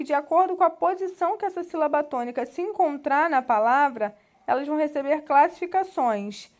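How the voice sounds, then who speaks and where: A woman teacher with a Brazilian Portuguese accent explains a textbook lesson patiently, often adding little tag questions as she goes. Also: sits high. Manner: patient, explanatory, with frequent "né" tags and restarts. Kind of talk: classroom lesson walking through a textbook.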